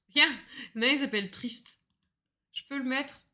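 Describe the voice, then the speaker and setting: A woman's voice: sits high, slow, bright, forceful tone. A woman streaming a game, chatting casually in a rambling, self-mocking way, laughing often and swearing freely. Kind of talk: casual gaming livestream chat.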